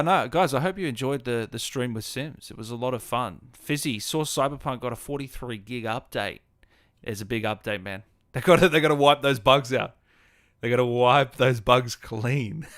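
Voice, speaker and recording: Clean studio sound and a dry recording carry a slightly bright, mid-range male voice with an Australian accent. As host of a gaming stream, he chats casually with his viewers like they're mates and replies to what they post.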